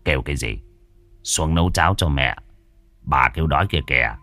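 A man's voice: extremely low pitch, animated, slow, bright, forceful tone, exaggerated voice. A man voicing a frightened older village man who stammers and pleads. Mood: tense.

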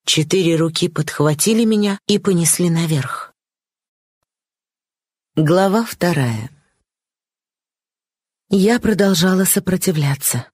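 A woman narrating a classic novel in the first person, steady and expressive. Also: on the low side, slow, long pauses, breathy edge, no room sound, clean studio sound. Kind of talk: audiobook narration.

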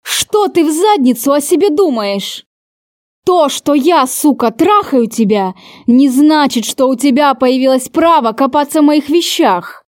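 A woman voicing a furious, cruel man who shouts and swears in an audiobook. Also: high voice, expressive, a little slow, no echo, studio quality, pitched above the performer's own voice. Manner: shouting, swearing, spitting words.

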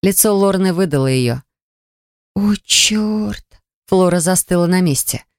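A woman reading a novel aloud in an even storytelling manner. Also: lowish voice, a little fast, clean tone, dry recording, clean studio sound. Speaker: audiobook narrator. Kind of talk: scripted narration.

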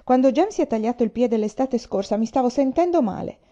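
Brief: woman reading as a sensitive, fearful young boy, soft and pleading, warm voice, muffled recording. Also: on the high side, lively intonation, a little fast, voice pushed up, close to an everyday voice. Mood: plaintive.

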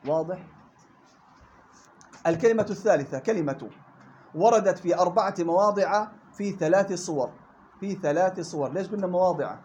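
A man with a Levantine Arabic accent teaching a Quran recitation class, explaining points in everyday speech and quizzing his students with quick questions. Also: high-pitched, a little mellow, muffled recording, slight background noise. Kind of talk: classroom lesson.

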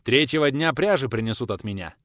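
A male narrator voicing a gruff, irritable elderly pensioner in an audiobook, speaking brusquely and with command. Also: medium pitch, big pitch swings, normal speed, no room sound, clean studio sound, lightly acted.

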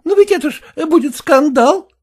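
A woman voicing an exasperated middle-aged mother who defends herself and tries to calm her husband, in an audiobook reading. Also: sits high, moderate pace. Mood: defensive. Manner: defensive, pleading.

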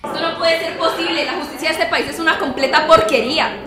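A woman voicing an indignant robbery victim protesting in rapid bursts. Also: very high-pitched, fairly even intonation, reverberant, noisy background, pitched above the performer's own voice. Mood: outraged.

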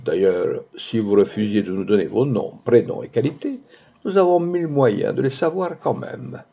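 A man voicing a pot-bellied, self-important police commissioner in an audiobook, speaking in a loud, puffed-up way. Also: medium pitch, expressive, normal speed, gravelly, slightly rough. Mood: pompous. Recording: dull lo-fi recording.

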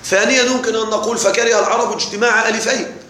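A man teaching an Arabic grammar lesson, slowly repeating rules and often checking that his students follow along. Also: sits high, steady tone, sharp tone. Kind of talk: classroom lesson explaining morphology. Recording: very echoey room with faint noise.

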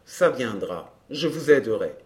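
A man voicing a suave, self-assured wealthy baron who teases and stays smooth. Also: medium pitch, big pitch swings, measured pace. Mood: amused. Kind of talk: audiobook dialogue.

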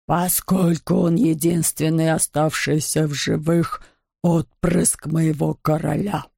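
A woman voicing a towering, haughty male fairy creature with a booming, echoing voice and slow, commanding speech. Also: little pitch movement, vocal fry, darkish tone, husky, studio quality, exaggerated voice. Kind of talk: audiobook narration.

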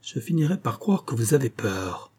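A man's voice: medium pitch, very animated, normal speed, mellow, slightly rough. A man reading as a cold, brooding nobleman. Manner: cold, clipped and controlled.

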